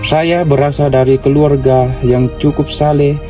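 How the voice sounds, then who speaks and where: Young friar, slow and measured testimony over clear backing music. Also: male voice, on the high side, fairly even intonation. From Vietnam. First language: Vietnamese. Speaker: Capuchin friar. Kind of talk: personal vocation testimony.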